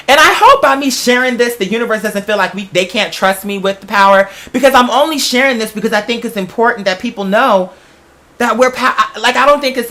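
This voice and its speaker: Speaking to listeners in a loose, rambling way, this podcast host has a forceful, bright voice pitched in the middle. Slang and emphasis run throughout, with frequent detours off topic.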